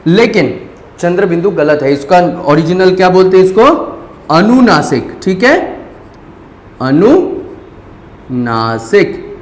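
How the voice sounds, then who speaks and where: High-voiced male teacher in an echoey room. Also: big pitch swings. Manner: asks questions then answers them himself; patient, repeats key words slowly. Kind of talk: classroom-style lesson. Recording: echoey room with long reverb.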